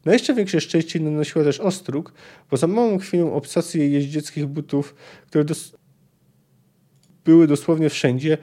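A man's voice: on the high side, normal speed, warm tone. A man hosting a book podcast, reading passages aloud and adding chatty asides with hesitant fillers. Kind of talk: reading aloud and commenting on a novel.

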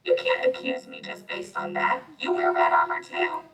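A man's voice: a bass voice, wildly swooping pitch, moderate pace, vocal fry, a bit bright, full character voice. A male playing Iron Man, a defensive armored superhero, in a youth audio play, recorded roomy and off the mic. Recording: roomy, distant mic, faint music.

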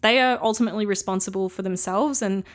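A woman's voice: medium pitch, quick pace. A woman hosting a solo podcast, talking casually and frankly as she gives earnest advice. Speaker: podcast host.

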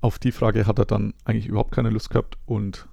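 A low, heavily gravelly male host recapping a day with dry humour, chatty and relaxed. His voice is close and dry, with no room sound at all. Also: fast talker, no echo. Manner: wry, conversational storytelling. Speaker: podcast host. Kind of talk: recap narration.

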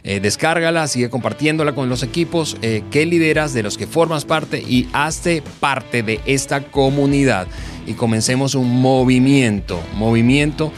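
A man's voice: medium pitch, normal speed, faint music behind. A male podcast host thanking his guest and closing the episode in an inviting tone. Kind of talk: podcast outro.

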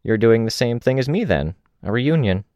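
A man's voice: mid-range voice, lively intonation, normal speed, darkish tone, clear, resonant tone, no echo, clean studio sound, pitched above the performer's own voice, lightly acted. A man voicing an earnest, chatty old woman on a train who rambles and confides.

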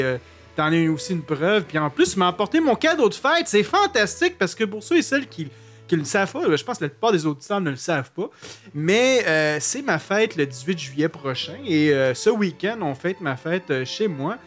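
A man's voice: high-pitched, lively intonation, normal speed, fairly bright tone, soft background music. A man with a Québécois accent hosting a casual radio chat, joking and laughing at his own puns, with plenty of fillers. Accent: Québécois French. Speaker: radio show host.

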